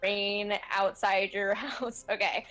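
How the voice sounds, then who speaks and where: A woman's voice: medium pitch, steady tone, a bit bright, faint music behind, low-quality recording. A woman narrating a tabletop game as game master, describing scenes with frequent fillers. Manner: unhurried, descriptive, many fillers.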